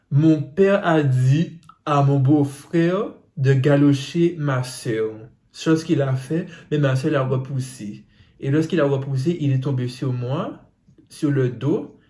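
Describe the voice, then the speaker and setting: A man's voice: on the high side, dark tone. A man reading out viewer secrets on his phone and reacting to them with teasing asides. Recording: roomy echo.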